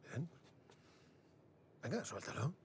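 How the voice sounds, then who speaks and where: A protective younger brother who leads a settlement in a video game dub. He speaks firmly and warily, his pitch moving a lot. A faint low rumble runs under him. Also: sing-song, slow pace.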